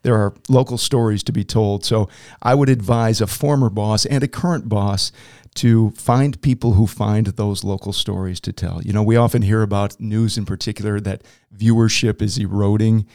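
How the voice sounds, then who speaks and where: Deep-voiced middle-aged man, dry sound. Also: steady tone, darkish tone, dry recording. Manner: measured broadcaster delivery with filler pauses. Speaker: podcast guest, TV news anchor. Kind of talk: casual interview.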